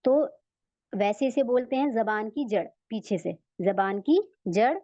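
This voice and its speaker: A woman teaching a recitation lesson, explaining the sounds and repeating them slowly for her learners. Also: medium pitch, expressive, dark tone, no echo, highs cut off. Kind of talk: tajweed lesson.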